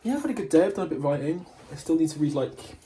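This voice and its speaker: A man's voice: fairly high pitch, lively intonation, rapid-fire, mellow, slight background noise. A man, chatting casually into a handheld phone, rambling and restarting his sentences. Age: 20s. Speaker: vlogger. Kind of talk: casual vlog. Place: house and garden at his grandparents'.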